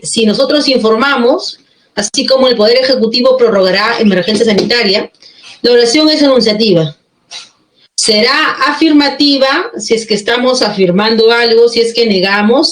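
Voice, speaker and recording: A woman's voice: a little high, fairly bright tone. Echoey-voiced woman teaching grammar. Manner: explains step by step, asks checking questions. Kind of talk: classroom grammar lesson. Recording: echoey room.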